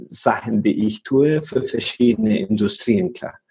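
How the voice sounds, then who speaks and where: Man from Venezuela, husky voice, dull lo-fi sound, halting with fillers. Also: on the low side, darkish tone. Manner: searching for words, many fillers and restarts. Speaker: futurist guest. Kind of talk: podcast interview.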